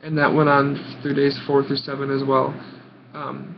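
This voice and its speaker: A young American man of about nineteen telling a personal story casually, in short halting phrases with dramatic emphasis. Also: medium pitch, monotone. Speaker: vlogger. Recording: muffled audio with clear background noise.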